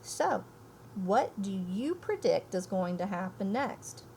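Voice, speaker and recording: Reading a storybook aloud and explaining it to young kids, an elementary school teacher speaks emphatically and muses aloud. Her warm, mid-range voice is very animated and slow. There's a little hiss or hum.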